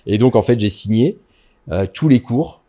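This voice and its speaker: A man, a dentist, telling his story as a guest in a casual interview, lively and anecdotal, often turning to his listener. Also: medium pitch, moderate pace.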